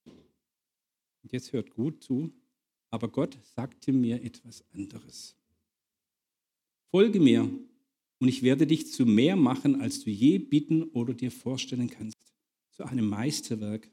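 A man preaching a sermon and reading a story aloud, emphatic and swinging between loud and hushed. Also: medium pitch, expressive, unhurried, breathy edge.

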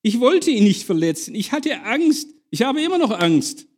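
A preacher voicing a big, frightened male prisoner who pleads softly, close to tears. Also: very high voice, sing-song, normal speed, pitched above the performer's own voice, full character voice. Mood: fearful. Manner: soft, near tears.

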